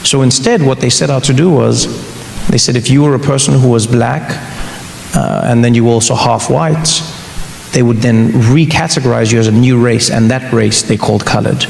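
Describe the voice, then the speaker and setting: A man explaining history in a measured, lecturing way. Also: medium pitch, gravelly, darkish tone, reverberant, in a large hall, a little hiss or hum.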